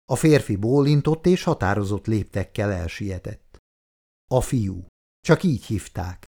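Guy reading an audiobook, steady pace, lively pitch. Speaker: audiobook narrator. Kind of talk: scripted narration.

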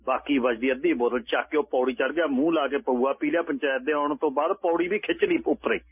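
A man tells a folk tale on the radio in a lively, colloquial way. His voice is high and husky, and the sound is thin and tinny, like a phone line. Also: fast talker. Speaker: storyteller. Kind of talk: radio story narration.

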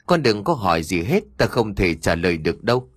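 A secretive male spirit hurries someone along with stern commands, as a man reading the story puts him on. The voice is husky and dry, and it rises and falls a lot. He sounds urgent and will not explain himself. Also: lowish voice, big pitch swings, a little fast, dry recording. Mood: stern urging.

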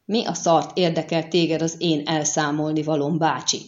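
A woman's voice: deep voice, flat delivery, highs cut off, lightly acted. A woman reading an audiobook and voicing a coarse, defiant young female bandit who swears and accuses. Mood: scornful.

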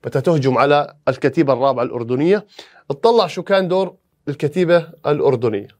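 A man teaching a history exam review, animated and playful, firing rhetorical questions at students. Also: on the high side, racing.

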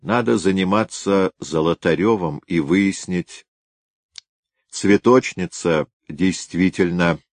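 A seasoned senior detective, thoughtful and unhurried, in a deep low voice, as a male narrator gives him lines. Dry, close audiobook sound. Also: no room sound, full character voice. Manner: musing, unhurried.

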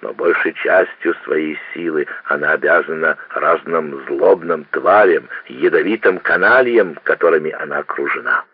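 A man's voice: very deep voice, normal speed, few pauses, husky, no room sound, exaggerated voice. A man voicing a dreamy young student who declaims earnestly and fancifully, on a tinny old radio recording. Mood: rapturous.

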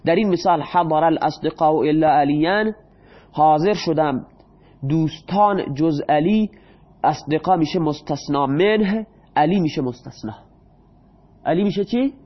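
A male teacher who explains grammar in Persian, asks his students questions and answers them himself, and reads the example sentences slowly. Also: a little high, muffled recording.

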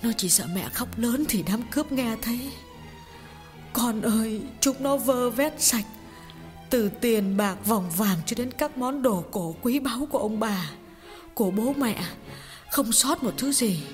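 A woman's voice: medium pitch, expressive, normal speed, lightly acted. A woman voicing a sorrowful middle-aged mother recounting a family tragedy in an audio story. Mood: grieving. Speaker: audiobook voice actor. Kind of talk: audiobook drama reading. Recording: long reverb with faint music.

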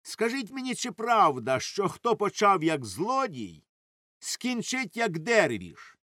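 A sly young man, as a man reads him aloud, asking in a soft, high, teasing voice that slows down to savor the joke. The voice is dry. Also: big pitch swings, no echo, exaggerated voice. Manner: sly, mocking.

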